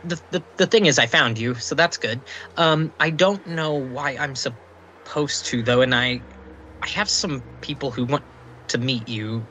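A man's voice: medium pitch, sharp tone, a little hiss or hum. A man voicing a stammering timid young girl. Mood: timid nervous. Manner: halting, stammering, nervous.

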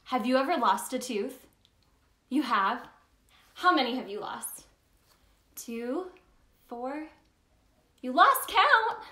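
Heavily acted, a woman's high-voiced Tooth Fairy hosts children's story time, talking slowly and pausing often. She is bubbly and chatty, speaking straight to young listeners in an animated sing-song within a roomy, echoing space.

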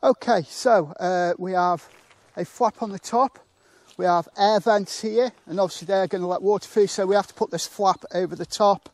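A man casually demonstrating how to pitch a tent outdoors, chatting and thinking aloud with fillers, poking fun at himself. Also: steady tone, normal speed, a little mellow, no room sound. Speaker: motorcycle touring reviewer.

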